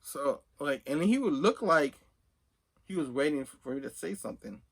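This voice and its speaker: Rambling conversationally through a personal anecdote, the middle-aged host of a comics collecting channel acts out snippets of dialogue he remembers. He talks at a moderate pace in an expressive voice that's on the high side and a bit bright.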